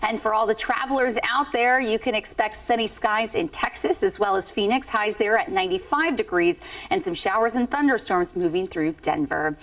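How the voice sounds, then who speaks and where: A woman's voice: fairly high pitch, moderate pace, creaky, fairly bright tone, distant mic. A woman with an American accent presenting a television weather forecast.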